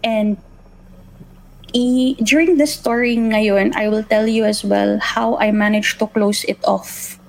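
A woman's voice: mid-range voice, slow pace, vocal fry, poor audio. A young adult woman telling a personal ghost story in casual chat, acting out the voices she quotes. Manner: animated, acts out quoted voices.

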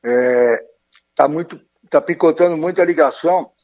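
Man, glitchy breaking-up phone call, muffled and dry, somewhat high voice, formal, hesitant. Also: moderate pace, dry recording. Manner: formal, hesitant with frequent fillers. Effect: choppy, breaking-up phone line. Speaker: interviewed guest by phone. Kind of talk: radio phone interview.

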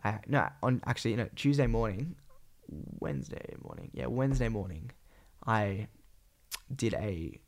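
A young man with an Australian accent talks in a low, gravelly voice, croaky and thick with phlegm from being sick. He rambles through a casual solo podcast catch-up with plenty of slang. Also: lively intonation, moderate pace. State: sick with a cold, voice partly gone. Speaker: podcast host and vlogger.

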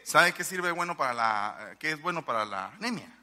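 A man preaching a lively sermon, firing rhetorical questions at the congregation. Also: fairly high pitch, moderate pace.

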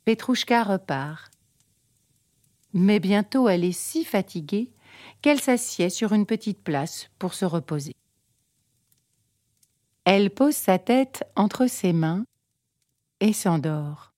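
A woman narrating a children's storybook at a slow, unhurried pace. Her reading is calm and measured. The voice is close and dry. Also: mid-range voice, dry recording. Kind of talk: storybook read-aloud narration.

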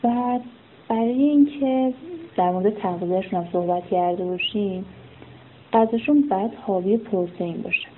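A woman with a physical education background walks through nutrition advice, ticking off examples one after another. Her voice comes through a low-quality remote recording, tinny and narrow like a phone line. A faint hiss sits under it, and her pitch is in the middle range. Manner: explanatory, lists examples one by one. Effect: low-quality remote recording, separately made. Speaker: guest physical education expert speaking on nutrition. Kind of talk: informal advice talk.

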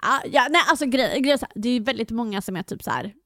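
A young woman from Halmstad with a Halland Swedish accent, co-hosting a casual chat podcast, animated and often laughing. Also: on the high side, no room sound, studio quality. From Halmstad, Sweden. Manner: animated, laughing, mimics pronunciations. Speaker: podcast co-host.

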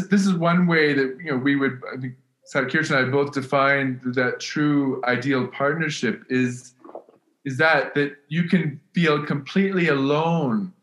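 A man hosting a spiritual conversation podcast, speaking in a reflective, gently emphatic way. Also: fairly high pitch. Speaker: podcast host.

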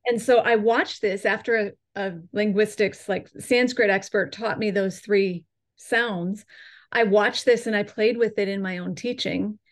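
A woman's voice: mid-range voice, steady tone. Woman teacher drawing out vowel sounds. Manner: slows to draw out and demonstrate vowel sounds; measured, instructive explaining. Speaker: chakra and yoga teacher. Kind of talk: explanatory interview talk.

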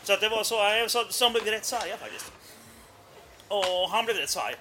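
A man's voice: high voice, animated, noisy background. A man in his thirties telling a rambling, profane, self-mocking anecdote in casual chat. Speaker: podcast storyteller.

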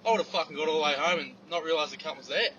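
A man's voice: a little high, very fast, bright, forceful tone, lo-fi sound. An Australian man telling a casual yarn in a voice message, boisterous, blokey and sweary. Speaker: listener leaving a voice message.

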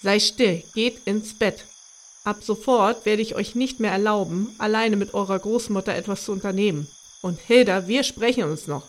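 A woman voicing a stern, angry middle-aged father who speaks gruffly and cuts others off harshly, over clear background music. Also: medium pitch, normal speed, lightly acted.

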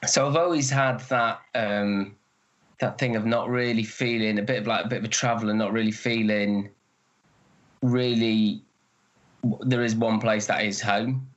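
A man's voice: lowish voice, fairly even intonation, moderate pace, muffled recording. A man who is an actor, talking in a casual interview and telling stories with lots of restarts. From northern England. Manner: chatty, rambling with restarts. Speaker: actor, guest.

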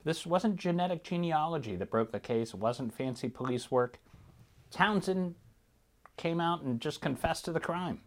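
A man's voice: fairly high pitch, lively intonation, normal speed. A man hosting a true crime podcast, giving informal, conversational commentary on the news.

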